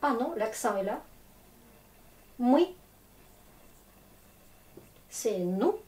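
A woman's voice: fairly high pitch, expressive, extremely slow, darkish tone. A woman teaching a language lesson in French, explaining patiently step by step. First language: Russian. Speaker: Russian teacher. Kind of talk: slow, clear language lesson.

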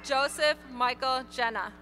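A woman reading graduates' names one by one at an outdoor graduation ceremony, in a clear, measured announcing manner. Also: sits high, sharp tone, slight background noise. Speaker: graduation name reader. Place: outdoor stadium ceremony over PA.

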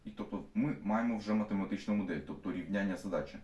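Low-voiced man explaining math in an echoey room. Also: fast, a little mellow, dull audio. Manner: stops often to restate steps with fillers. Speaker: math teacher. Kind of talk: explaining math problems to students. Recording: echoey room, mic at a distance.

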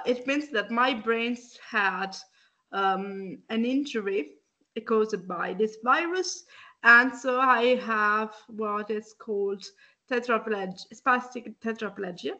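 A woman in her thirties from Italy, a guest on a video call, speaking slowly and earnestly with small laughs. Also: fairly high pitch, pushed and bright. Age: 30s. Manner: slow, earnest, laughs between phrases. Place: indoors at home by a window.

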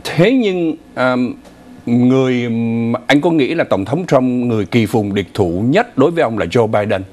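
A man's voice: medium pitch, expressive, moderate pace, darkish tone. A middle-aged man hosting a studio news talk show, speaking with many fillers and hesitations.

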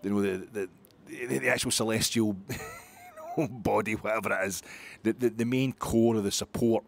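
A man's voice: on the low side, huge pitch swings, moderate pace, creaky. A middle-aged Scottish man, a podcast host, giving rambling post-match football chat full of restarts and sighs. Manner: rambling, self-interrupting with many restarts and sighs.

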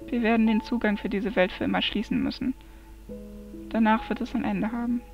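A woman whispering as a calm dark fairy. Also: fairly high pitch, fairly quick, gravelly. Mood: soothing. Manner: soft, whispering. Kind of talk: amateur fantasy audiobook reading. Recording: dull lo-fi recording, soft music behind.

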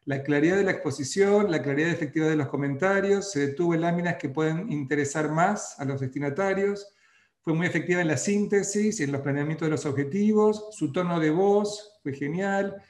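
A man's voice: a little high, moderate pace, reverberant. A man hosting an online webinar on a video call, reading out feedback and then explaining a point. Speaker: webinar host.

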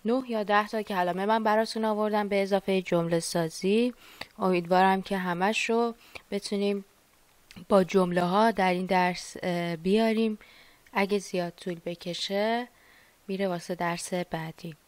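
A woman teaching a language lesson, explaining patiently and repeating each word slowly. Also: mid-range voice, steady tone, no echo.

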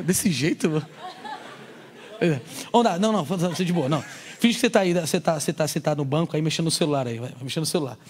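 A man preaching to a congregation at a youth service. He is animated and slangy, joking and acting out little scenes as he preaches. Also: fairly high pitch, fast. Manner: slangy, casual street talk. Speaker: pastor. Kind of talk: sermon at a youth church service.

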